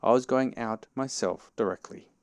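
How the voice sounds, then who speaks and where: A man's voice: medium pitch, normal speed, dry recording, voice pushed up, close to an everyday voice. A man voicing a fussy, cautious, polite rabbit in a children's storybook, prim, clipped and a little evasive. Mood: politely firm. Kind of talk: children's storybook character reading.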